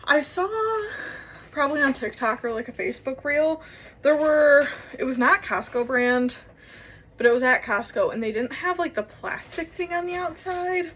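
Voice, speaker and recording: Vehicle sounds and noise run under this vlog, where a young woman talks casually into her phone camera at a normal speed. Her voice sits high with a fairly bright tone, and her chatty delivery rambles with many fillers.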